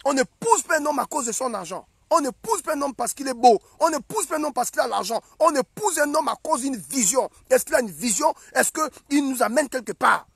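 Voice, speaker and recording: A young man preaching an animated sermon as a prophet, emphatic and repetitive. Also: very high voice, a little fast, vocal fry, few pauses, breathy edge, dry recording. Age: young adult. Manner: emphatic and repetitive, acts out scenes.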